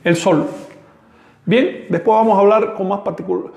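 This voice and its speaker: A man. He talks slowly and patiently, spelling out sounds and repeating words one by one. The room around him is echoey. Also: sits high, steady tone, creaky, darkish tone, dull audio. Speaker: teacher. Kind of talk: online language class.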